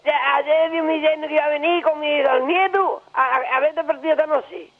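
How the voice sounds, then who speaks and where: Older male caller, unusually high pitch, halting casual talk, narrow telephone sound. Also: fairly even intonation, creaky. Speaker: radio phone-in caller. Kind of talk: casual chat. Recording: tinny telephone line on radio.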